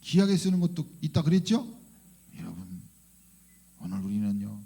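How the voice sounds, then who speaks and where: A male pastor giving a fervent, animated sermon in church, often crying out hallelujah and questioning the congregation. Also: on the low side, moderate pace, vocal fry, husky. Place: church sanctuary.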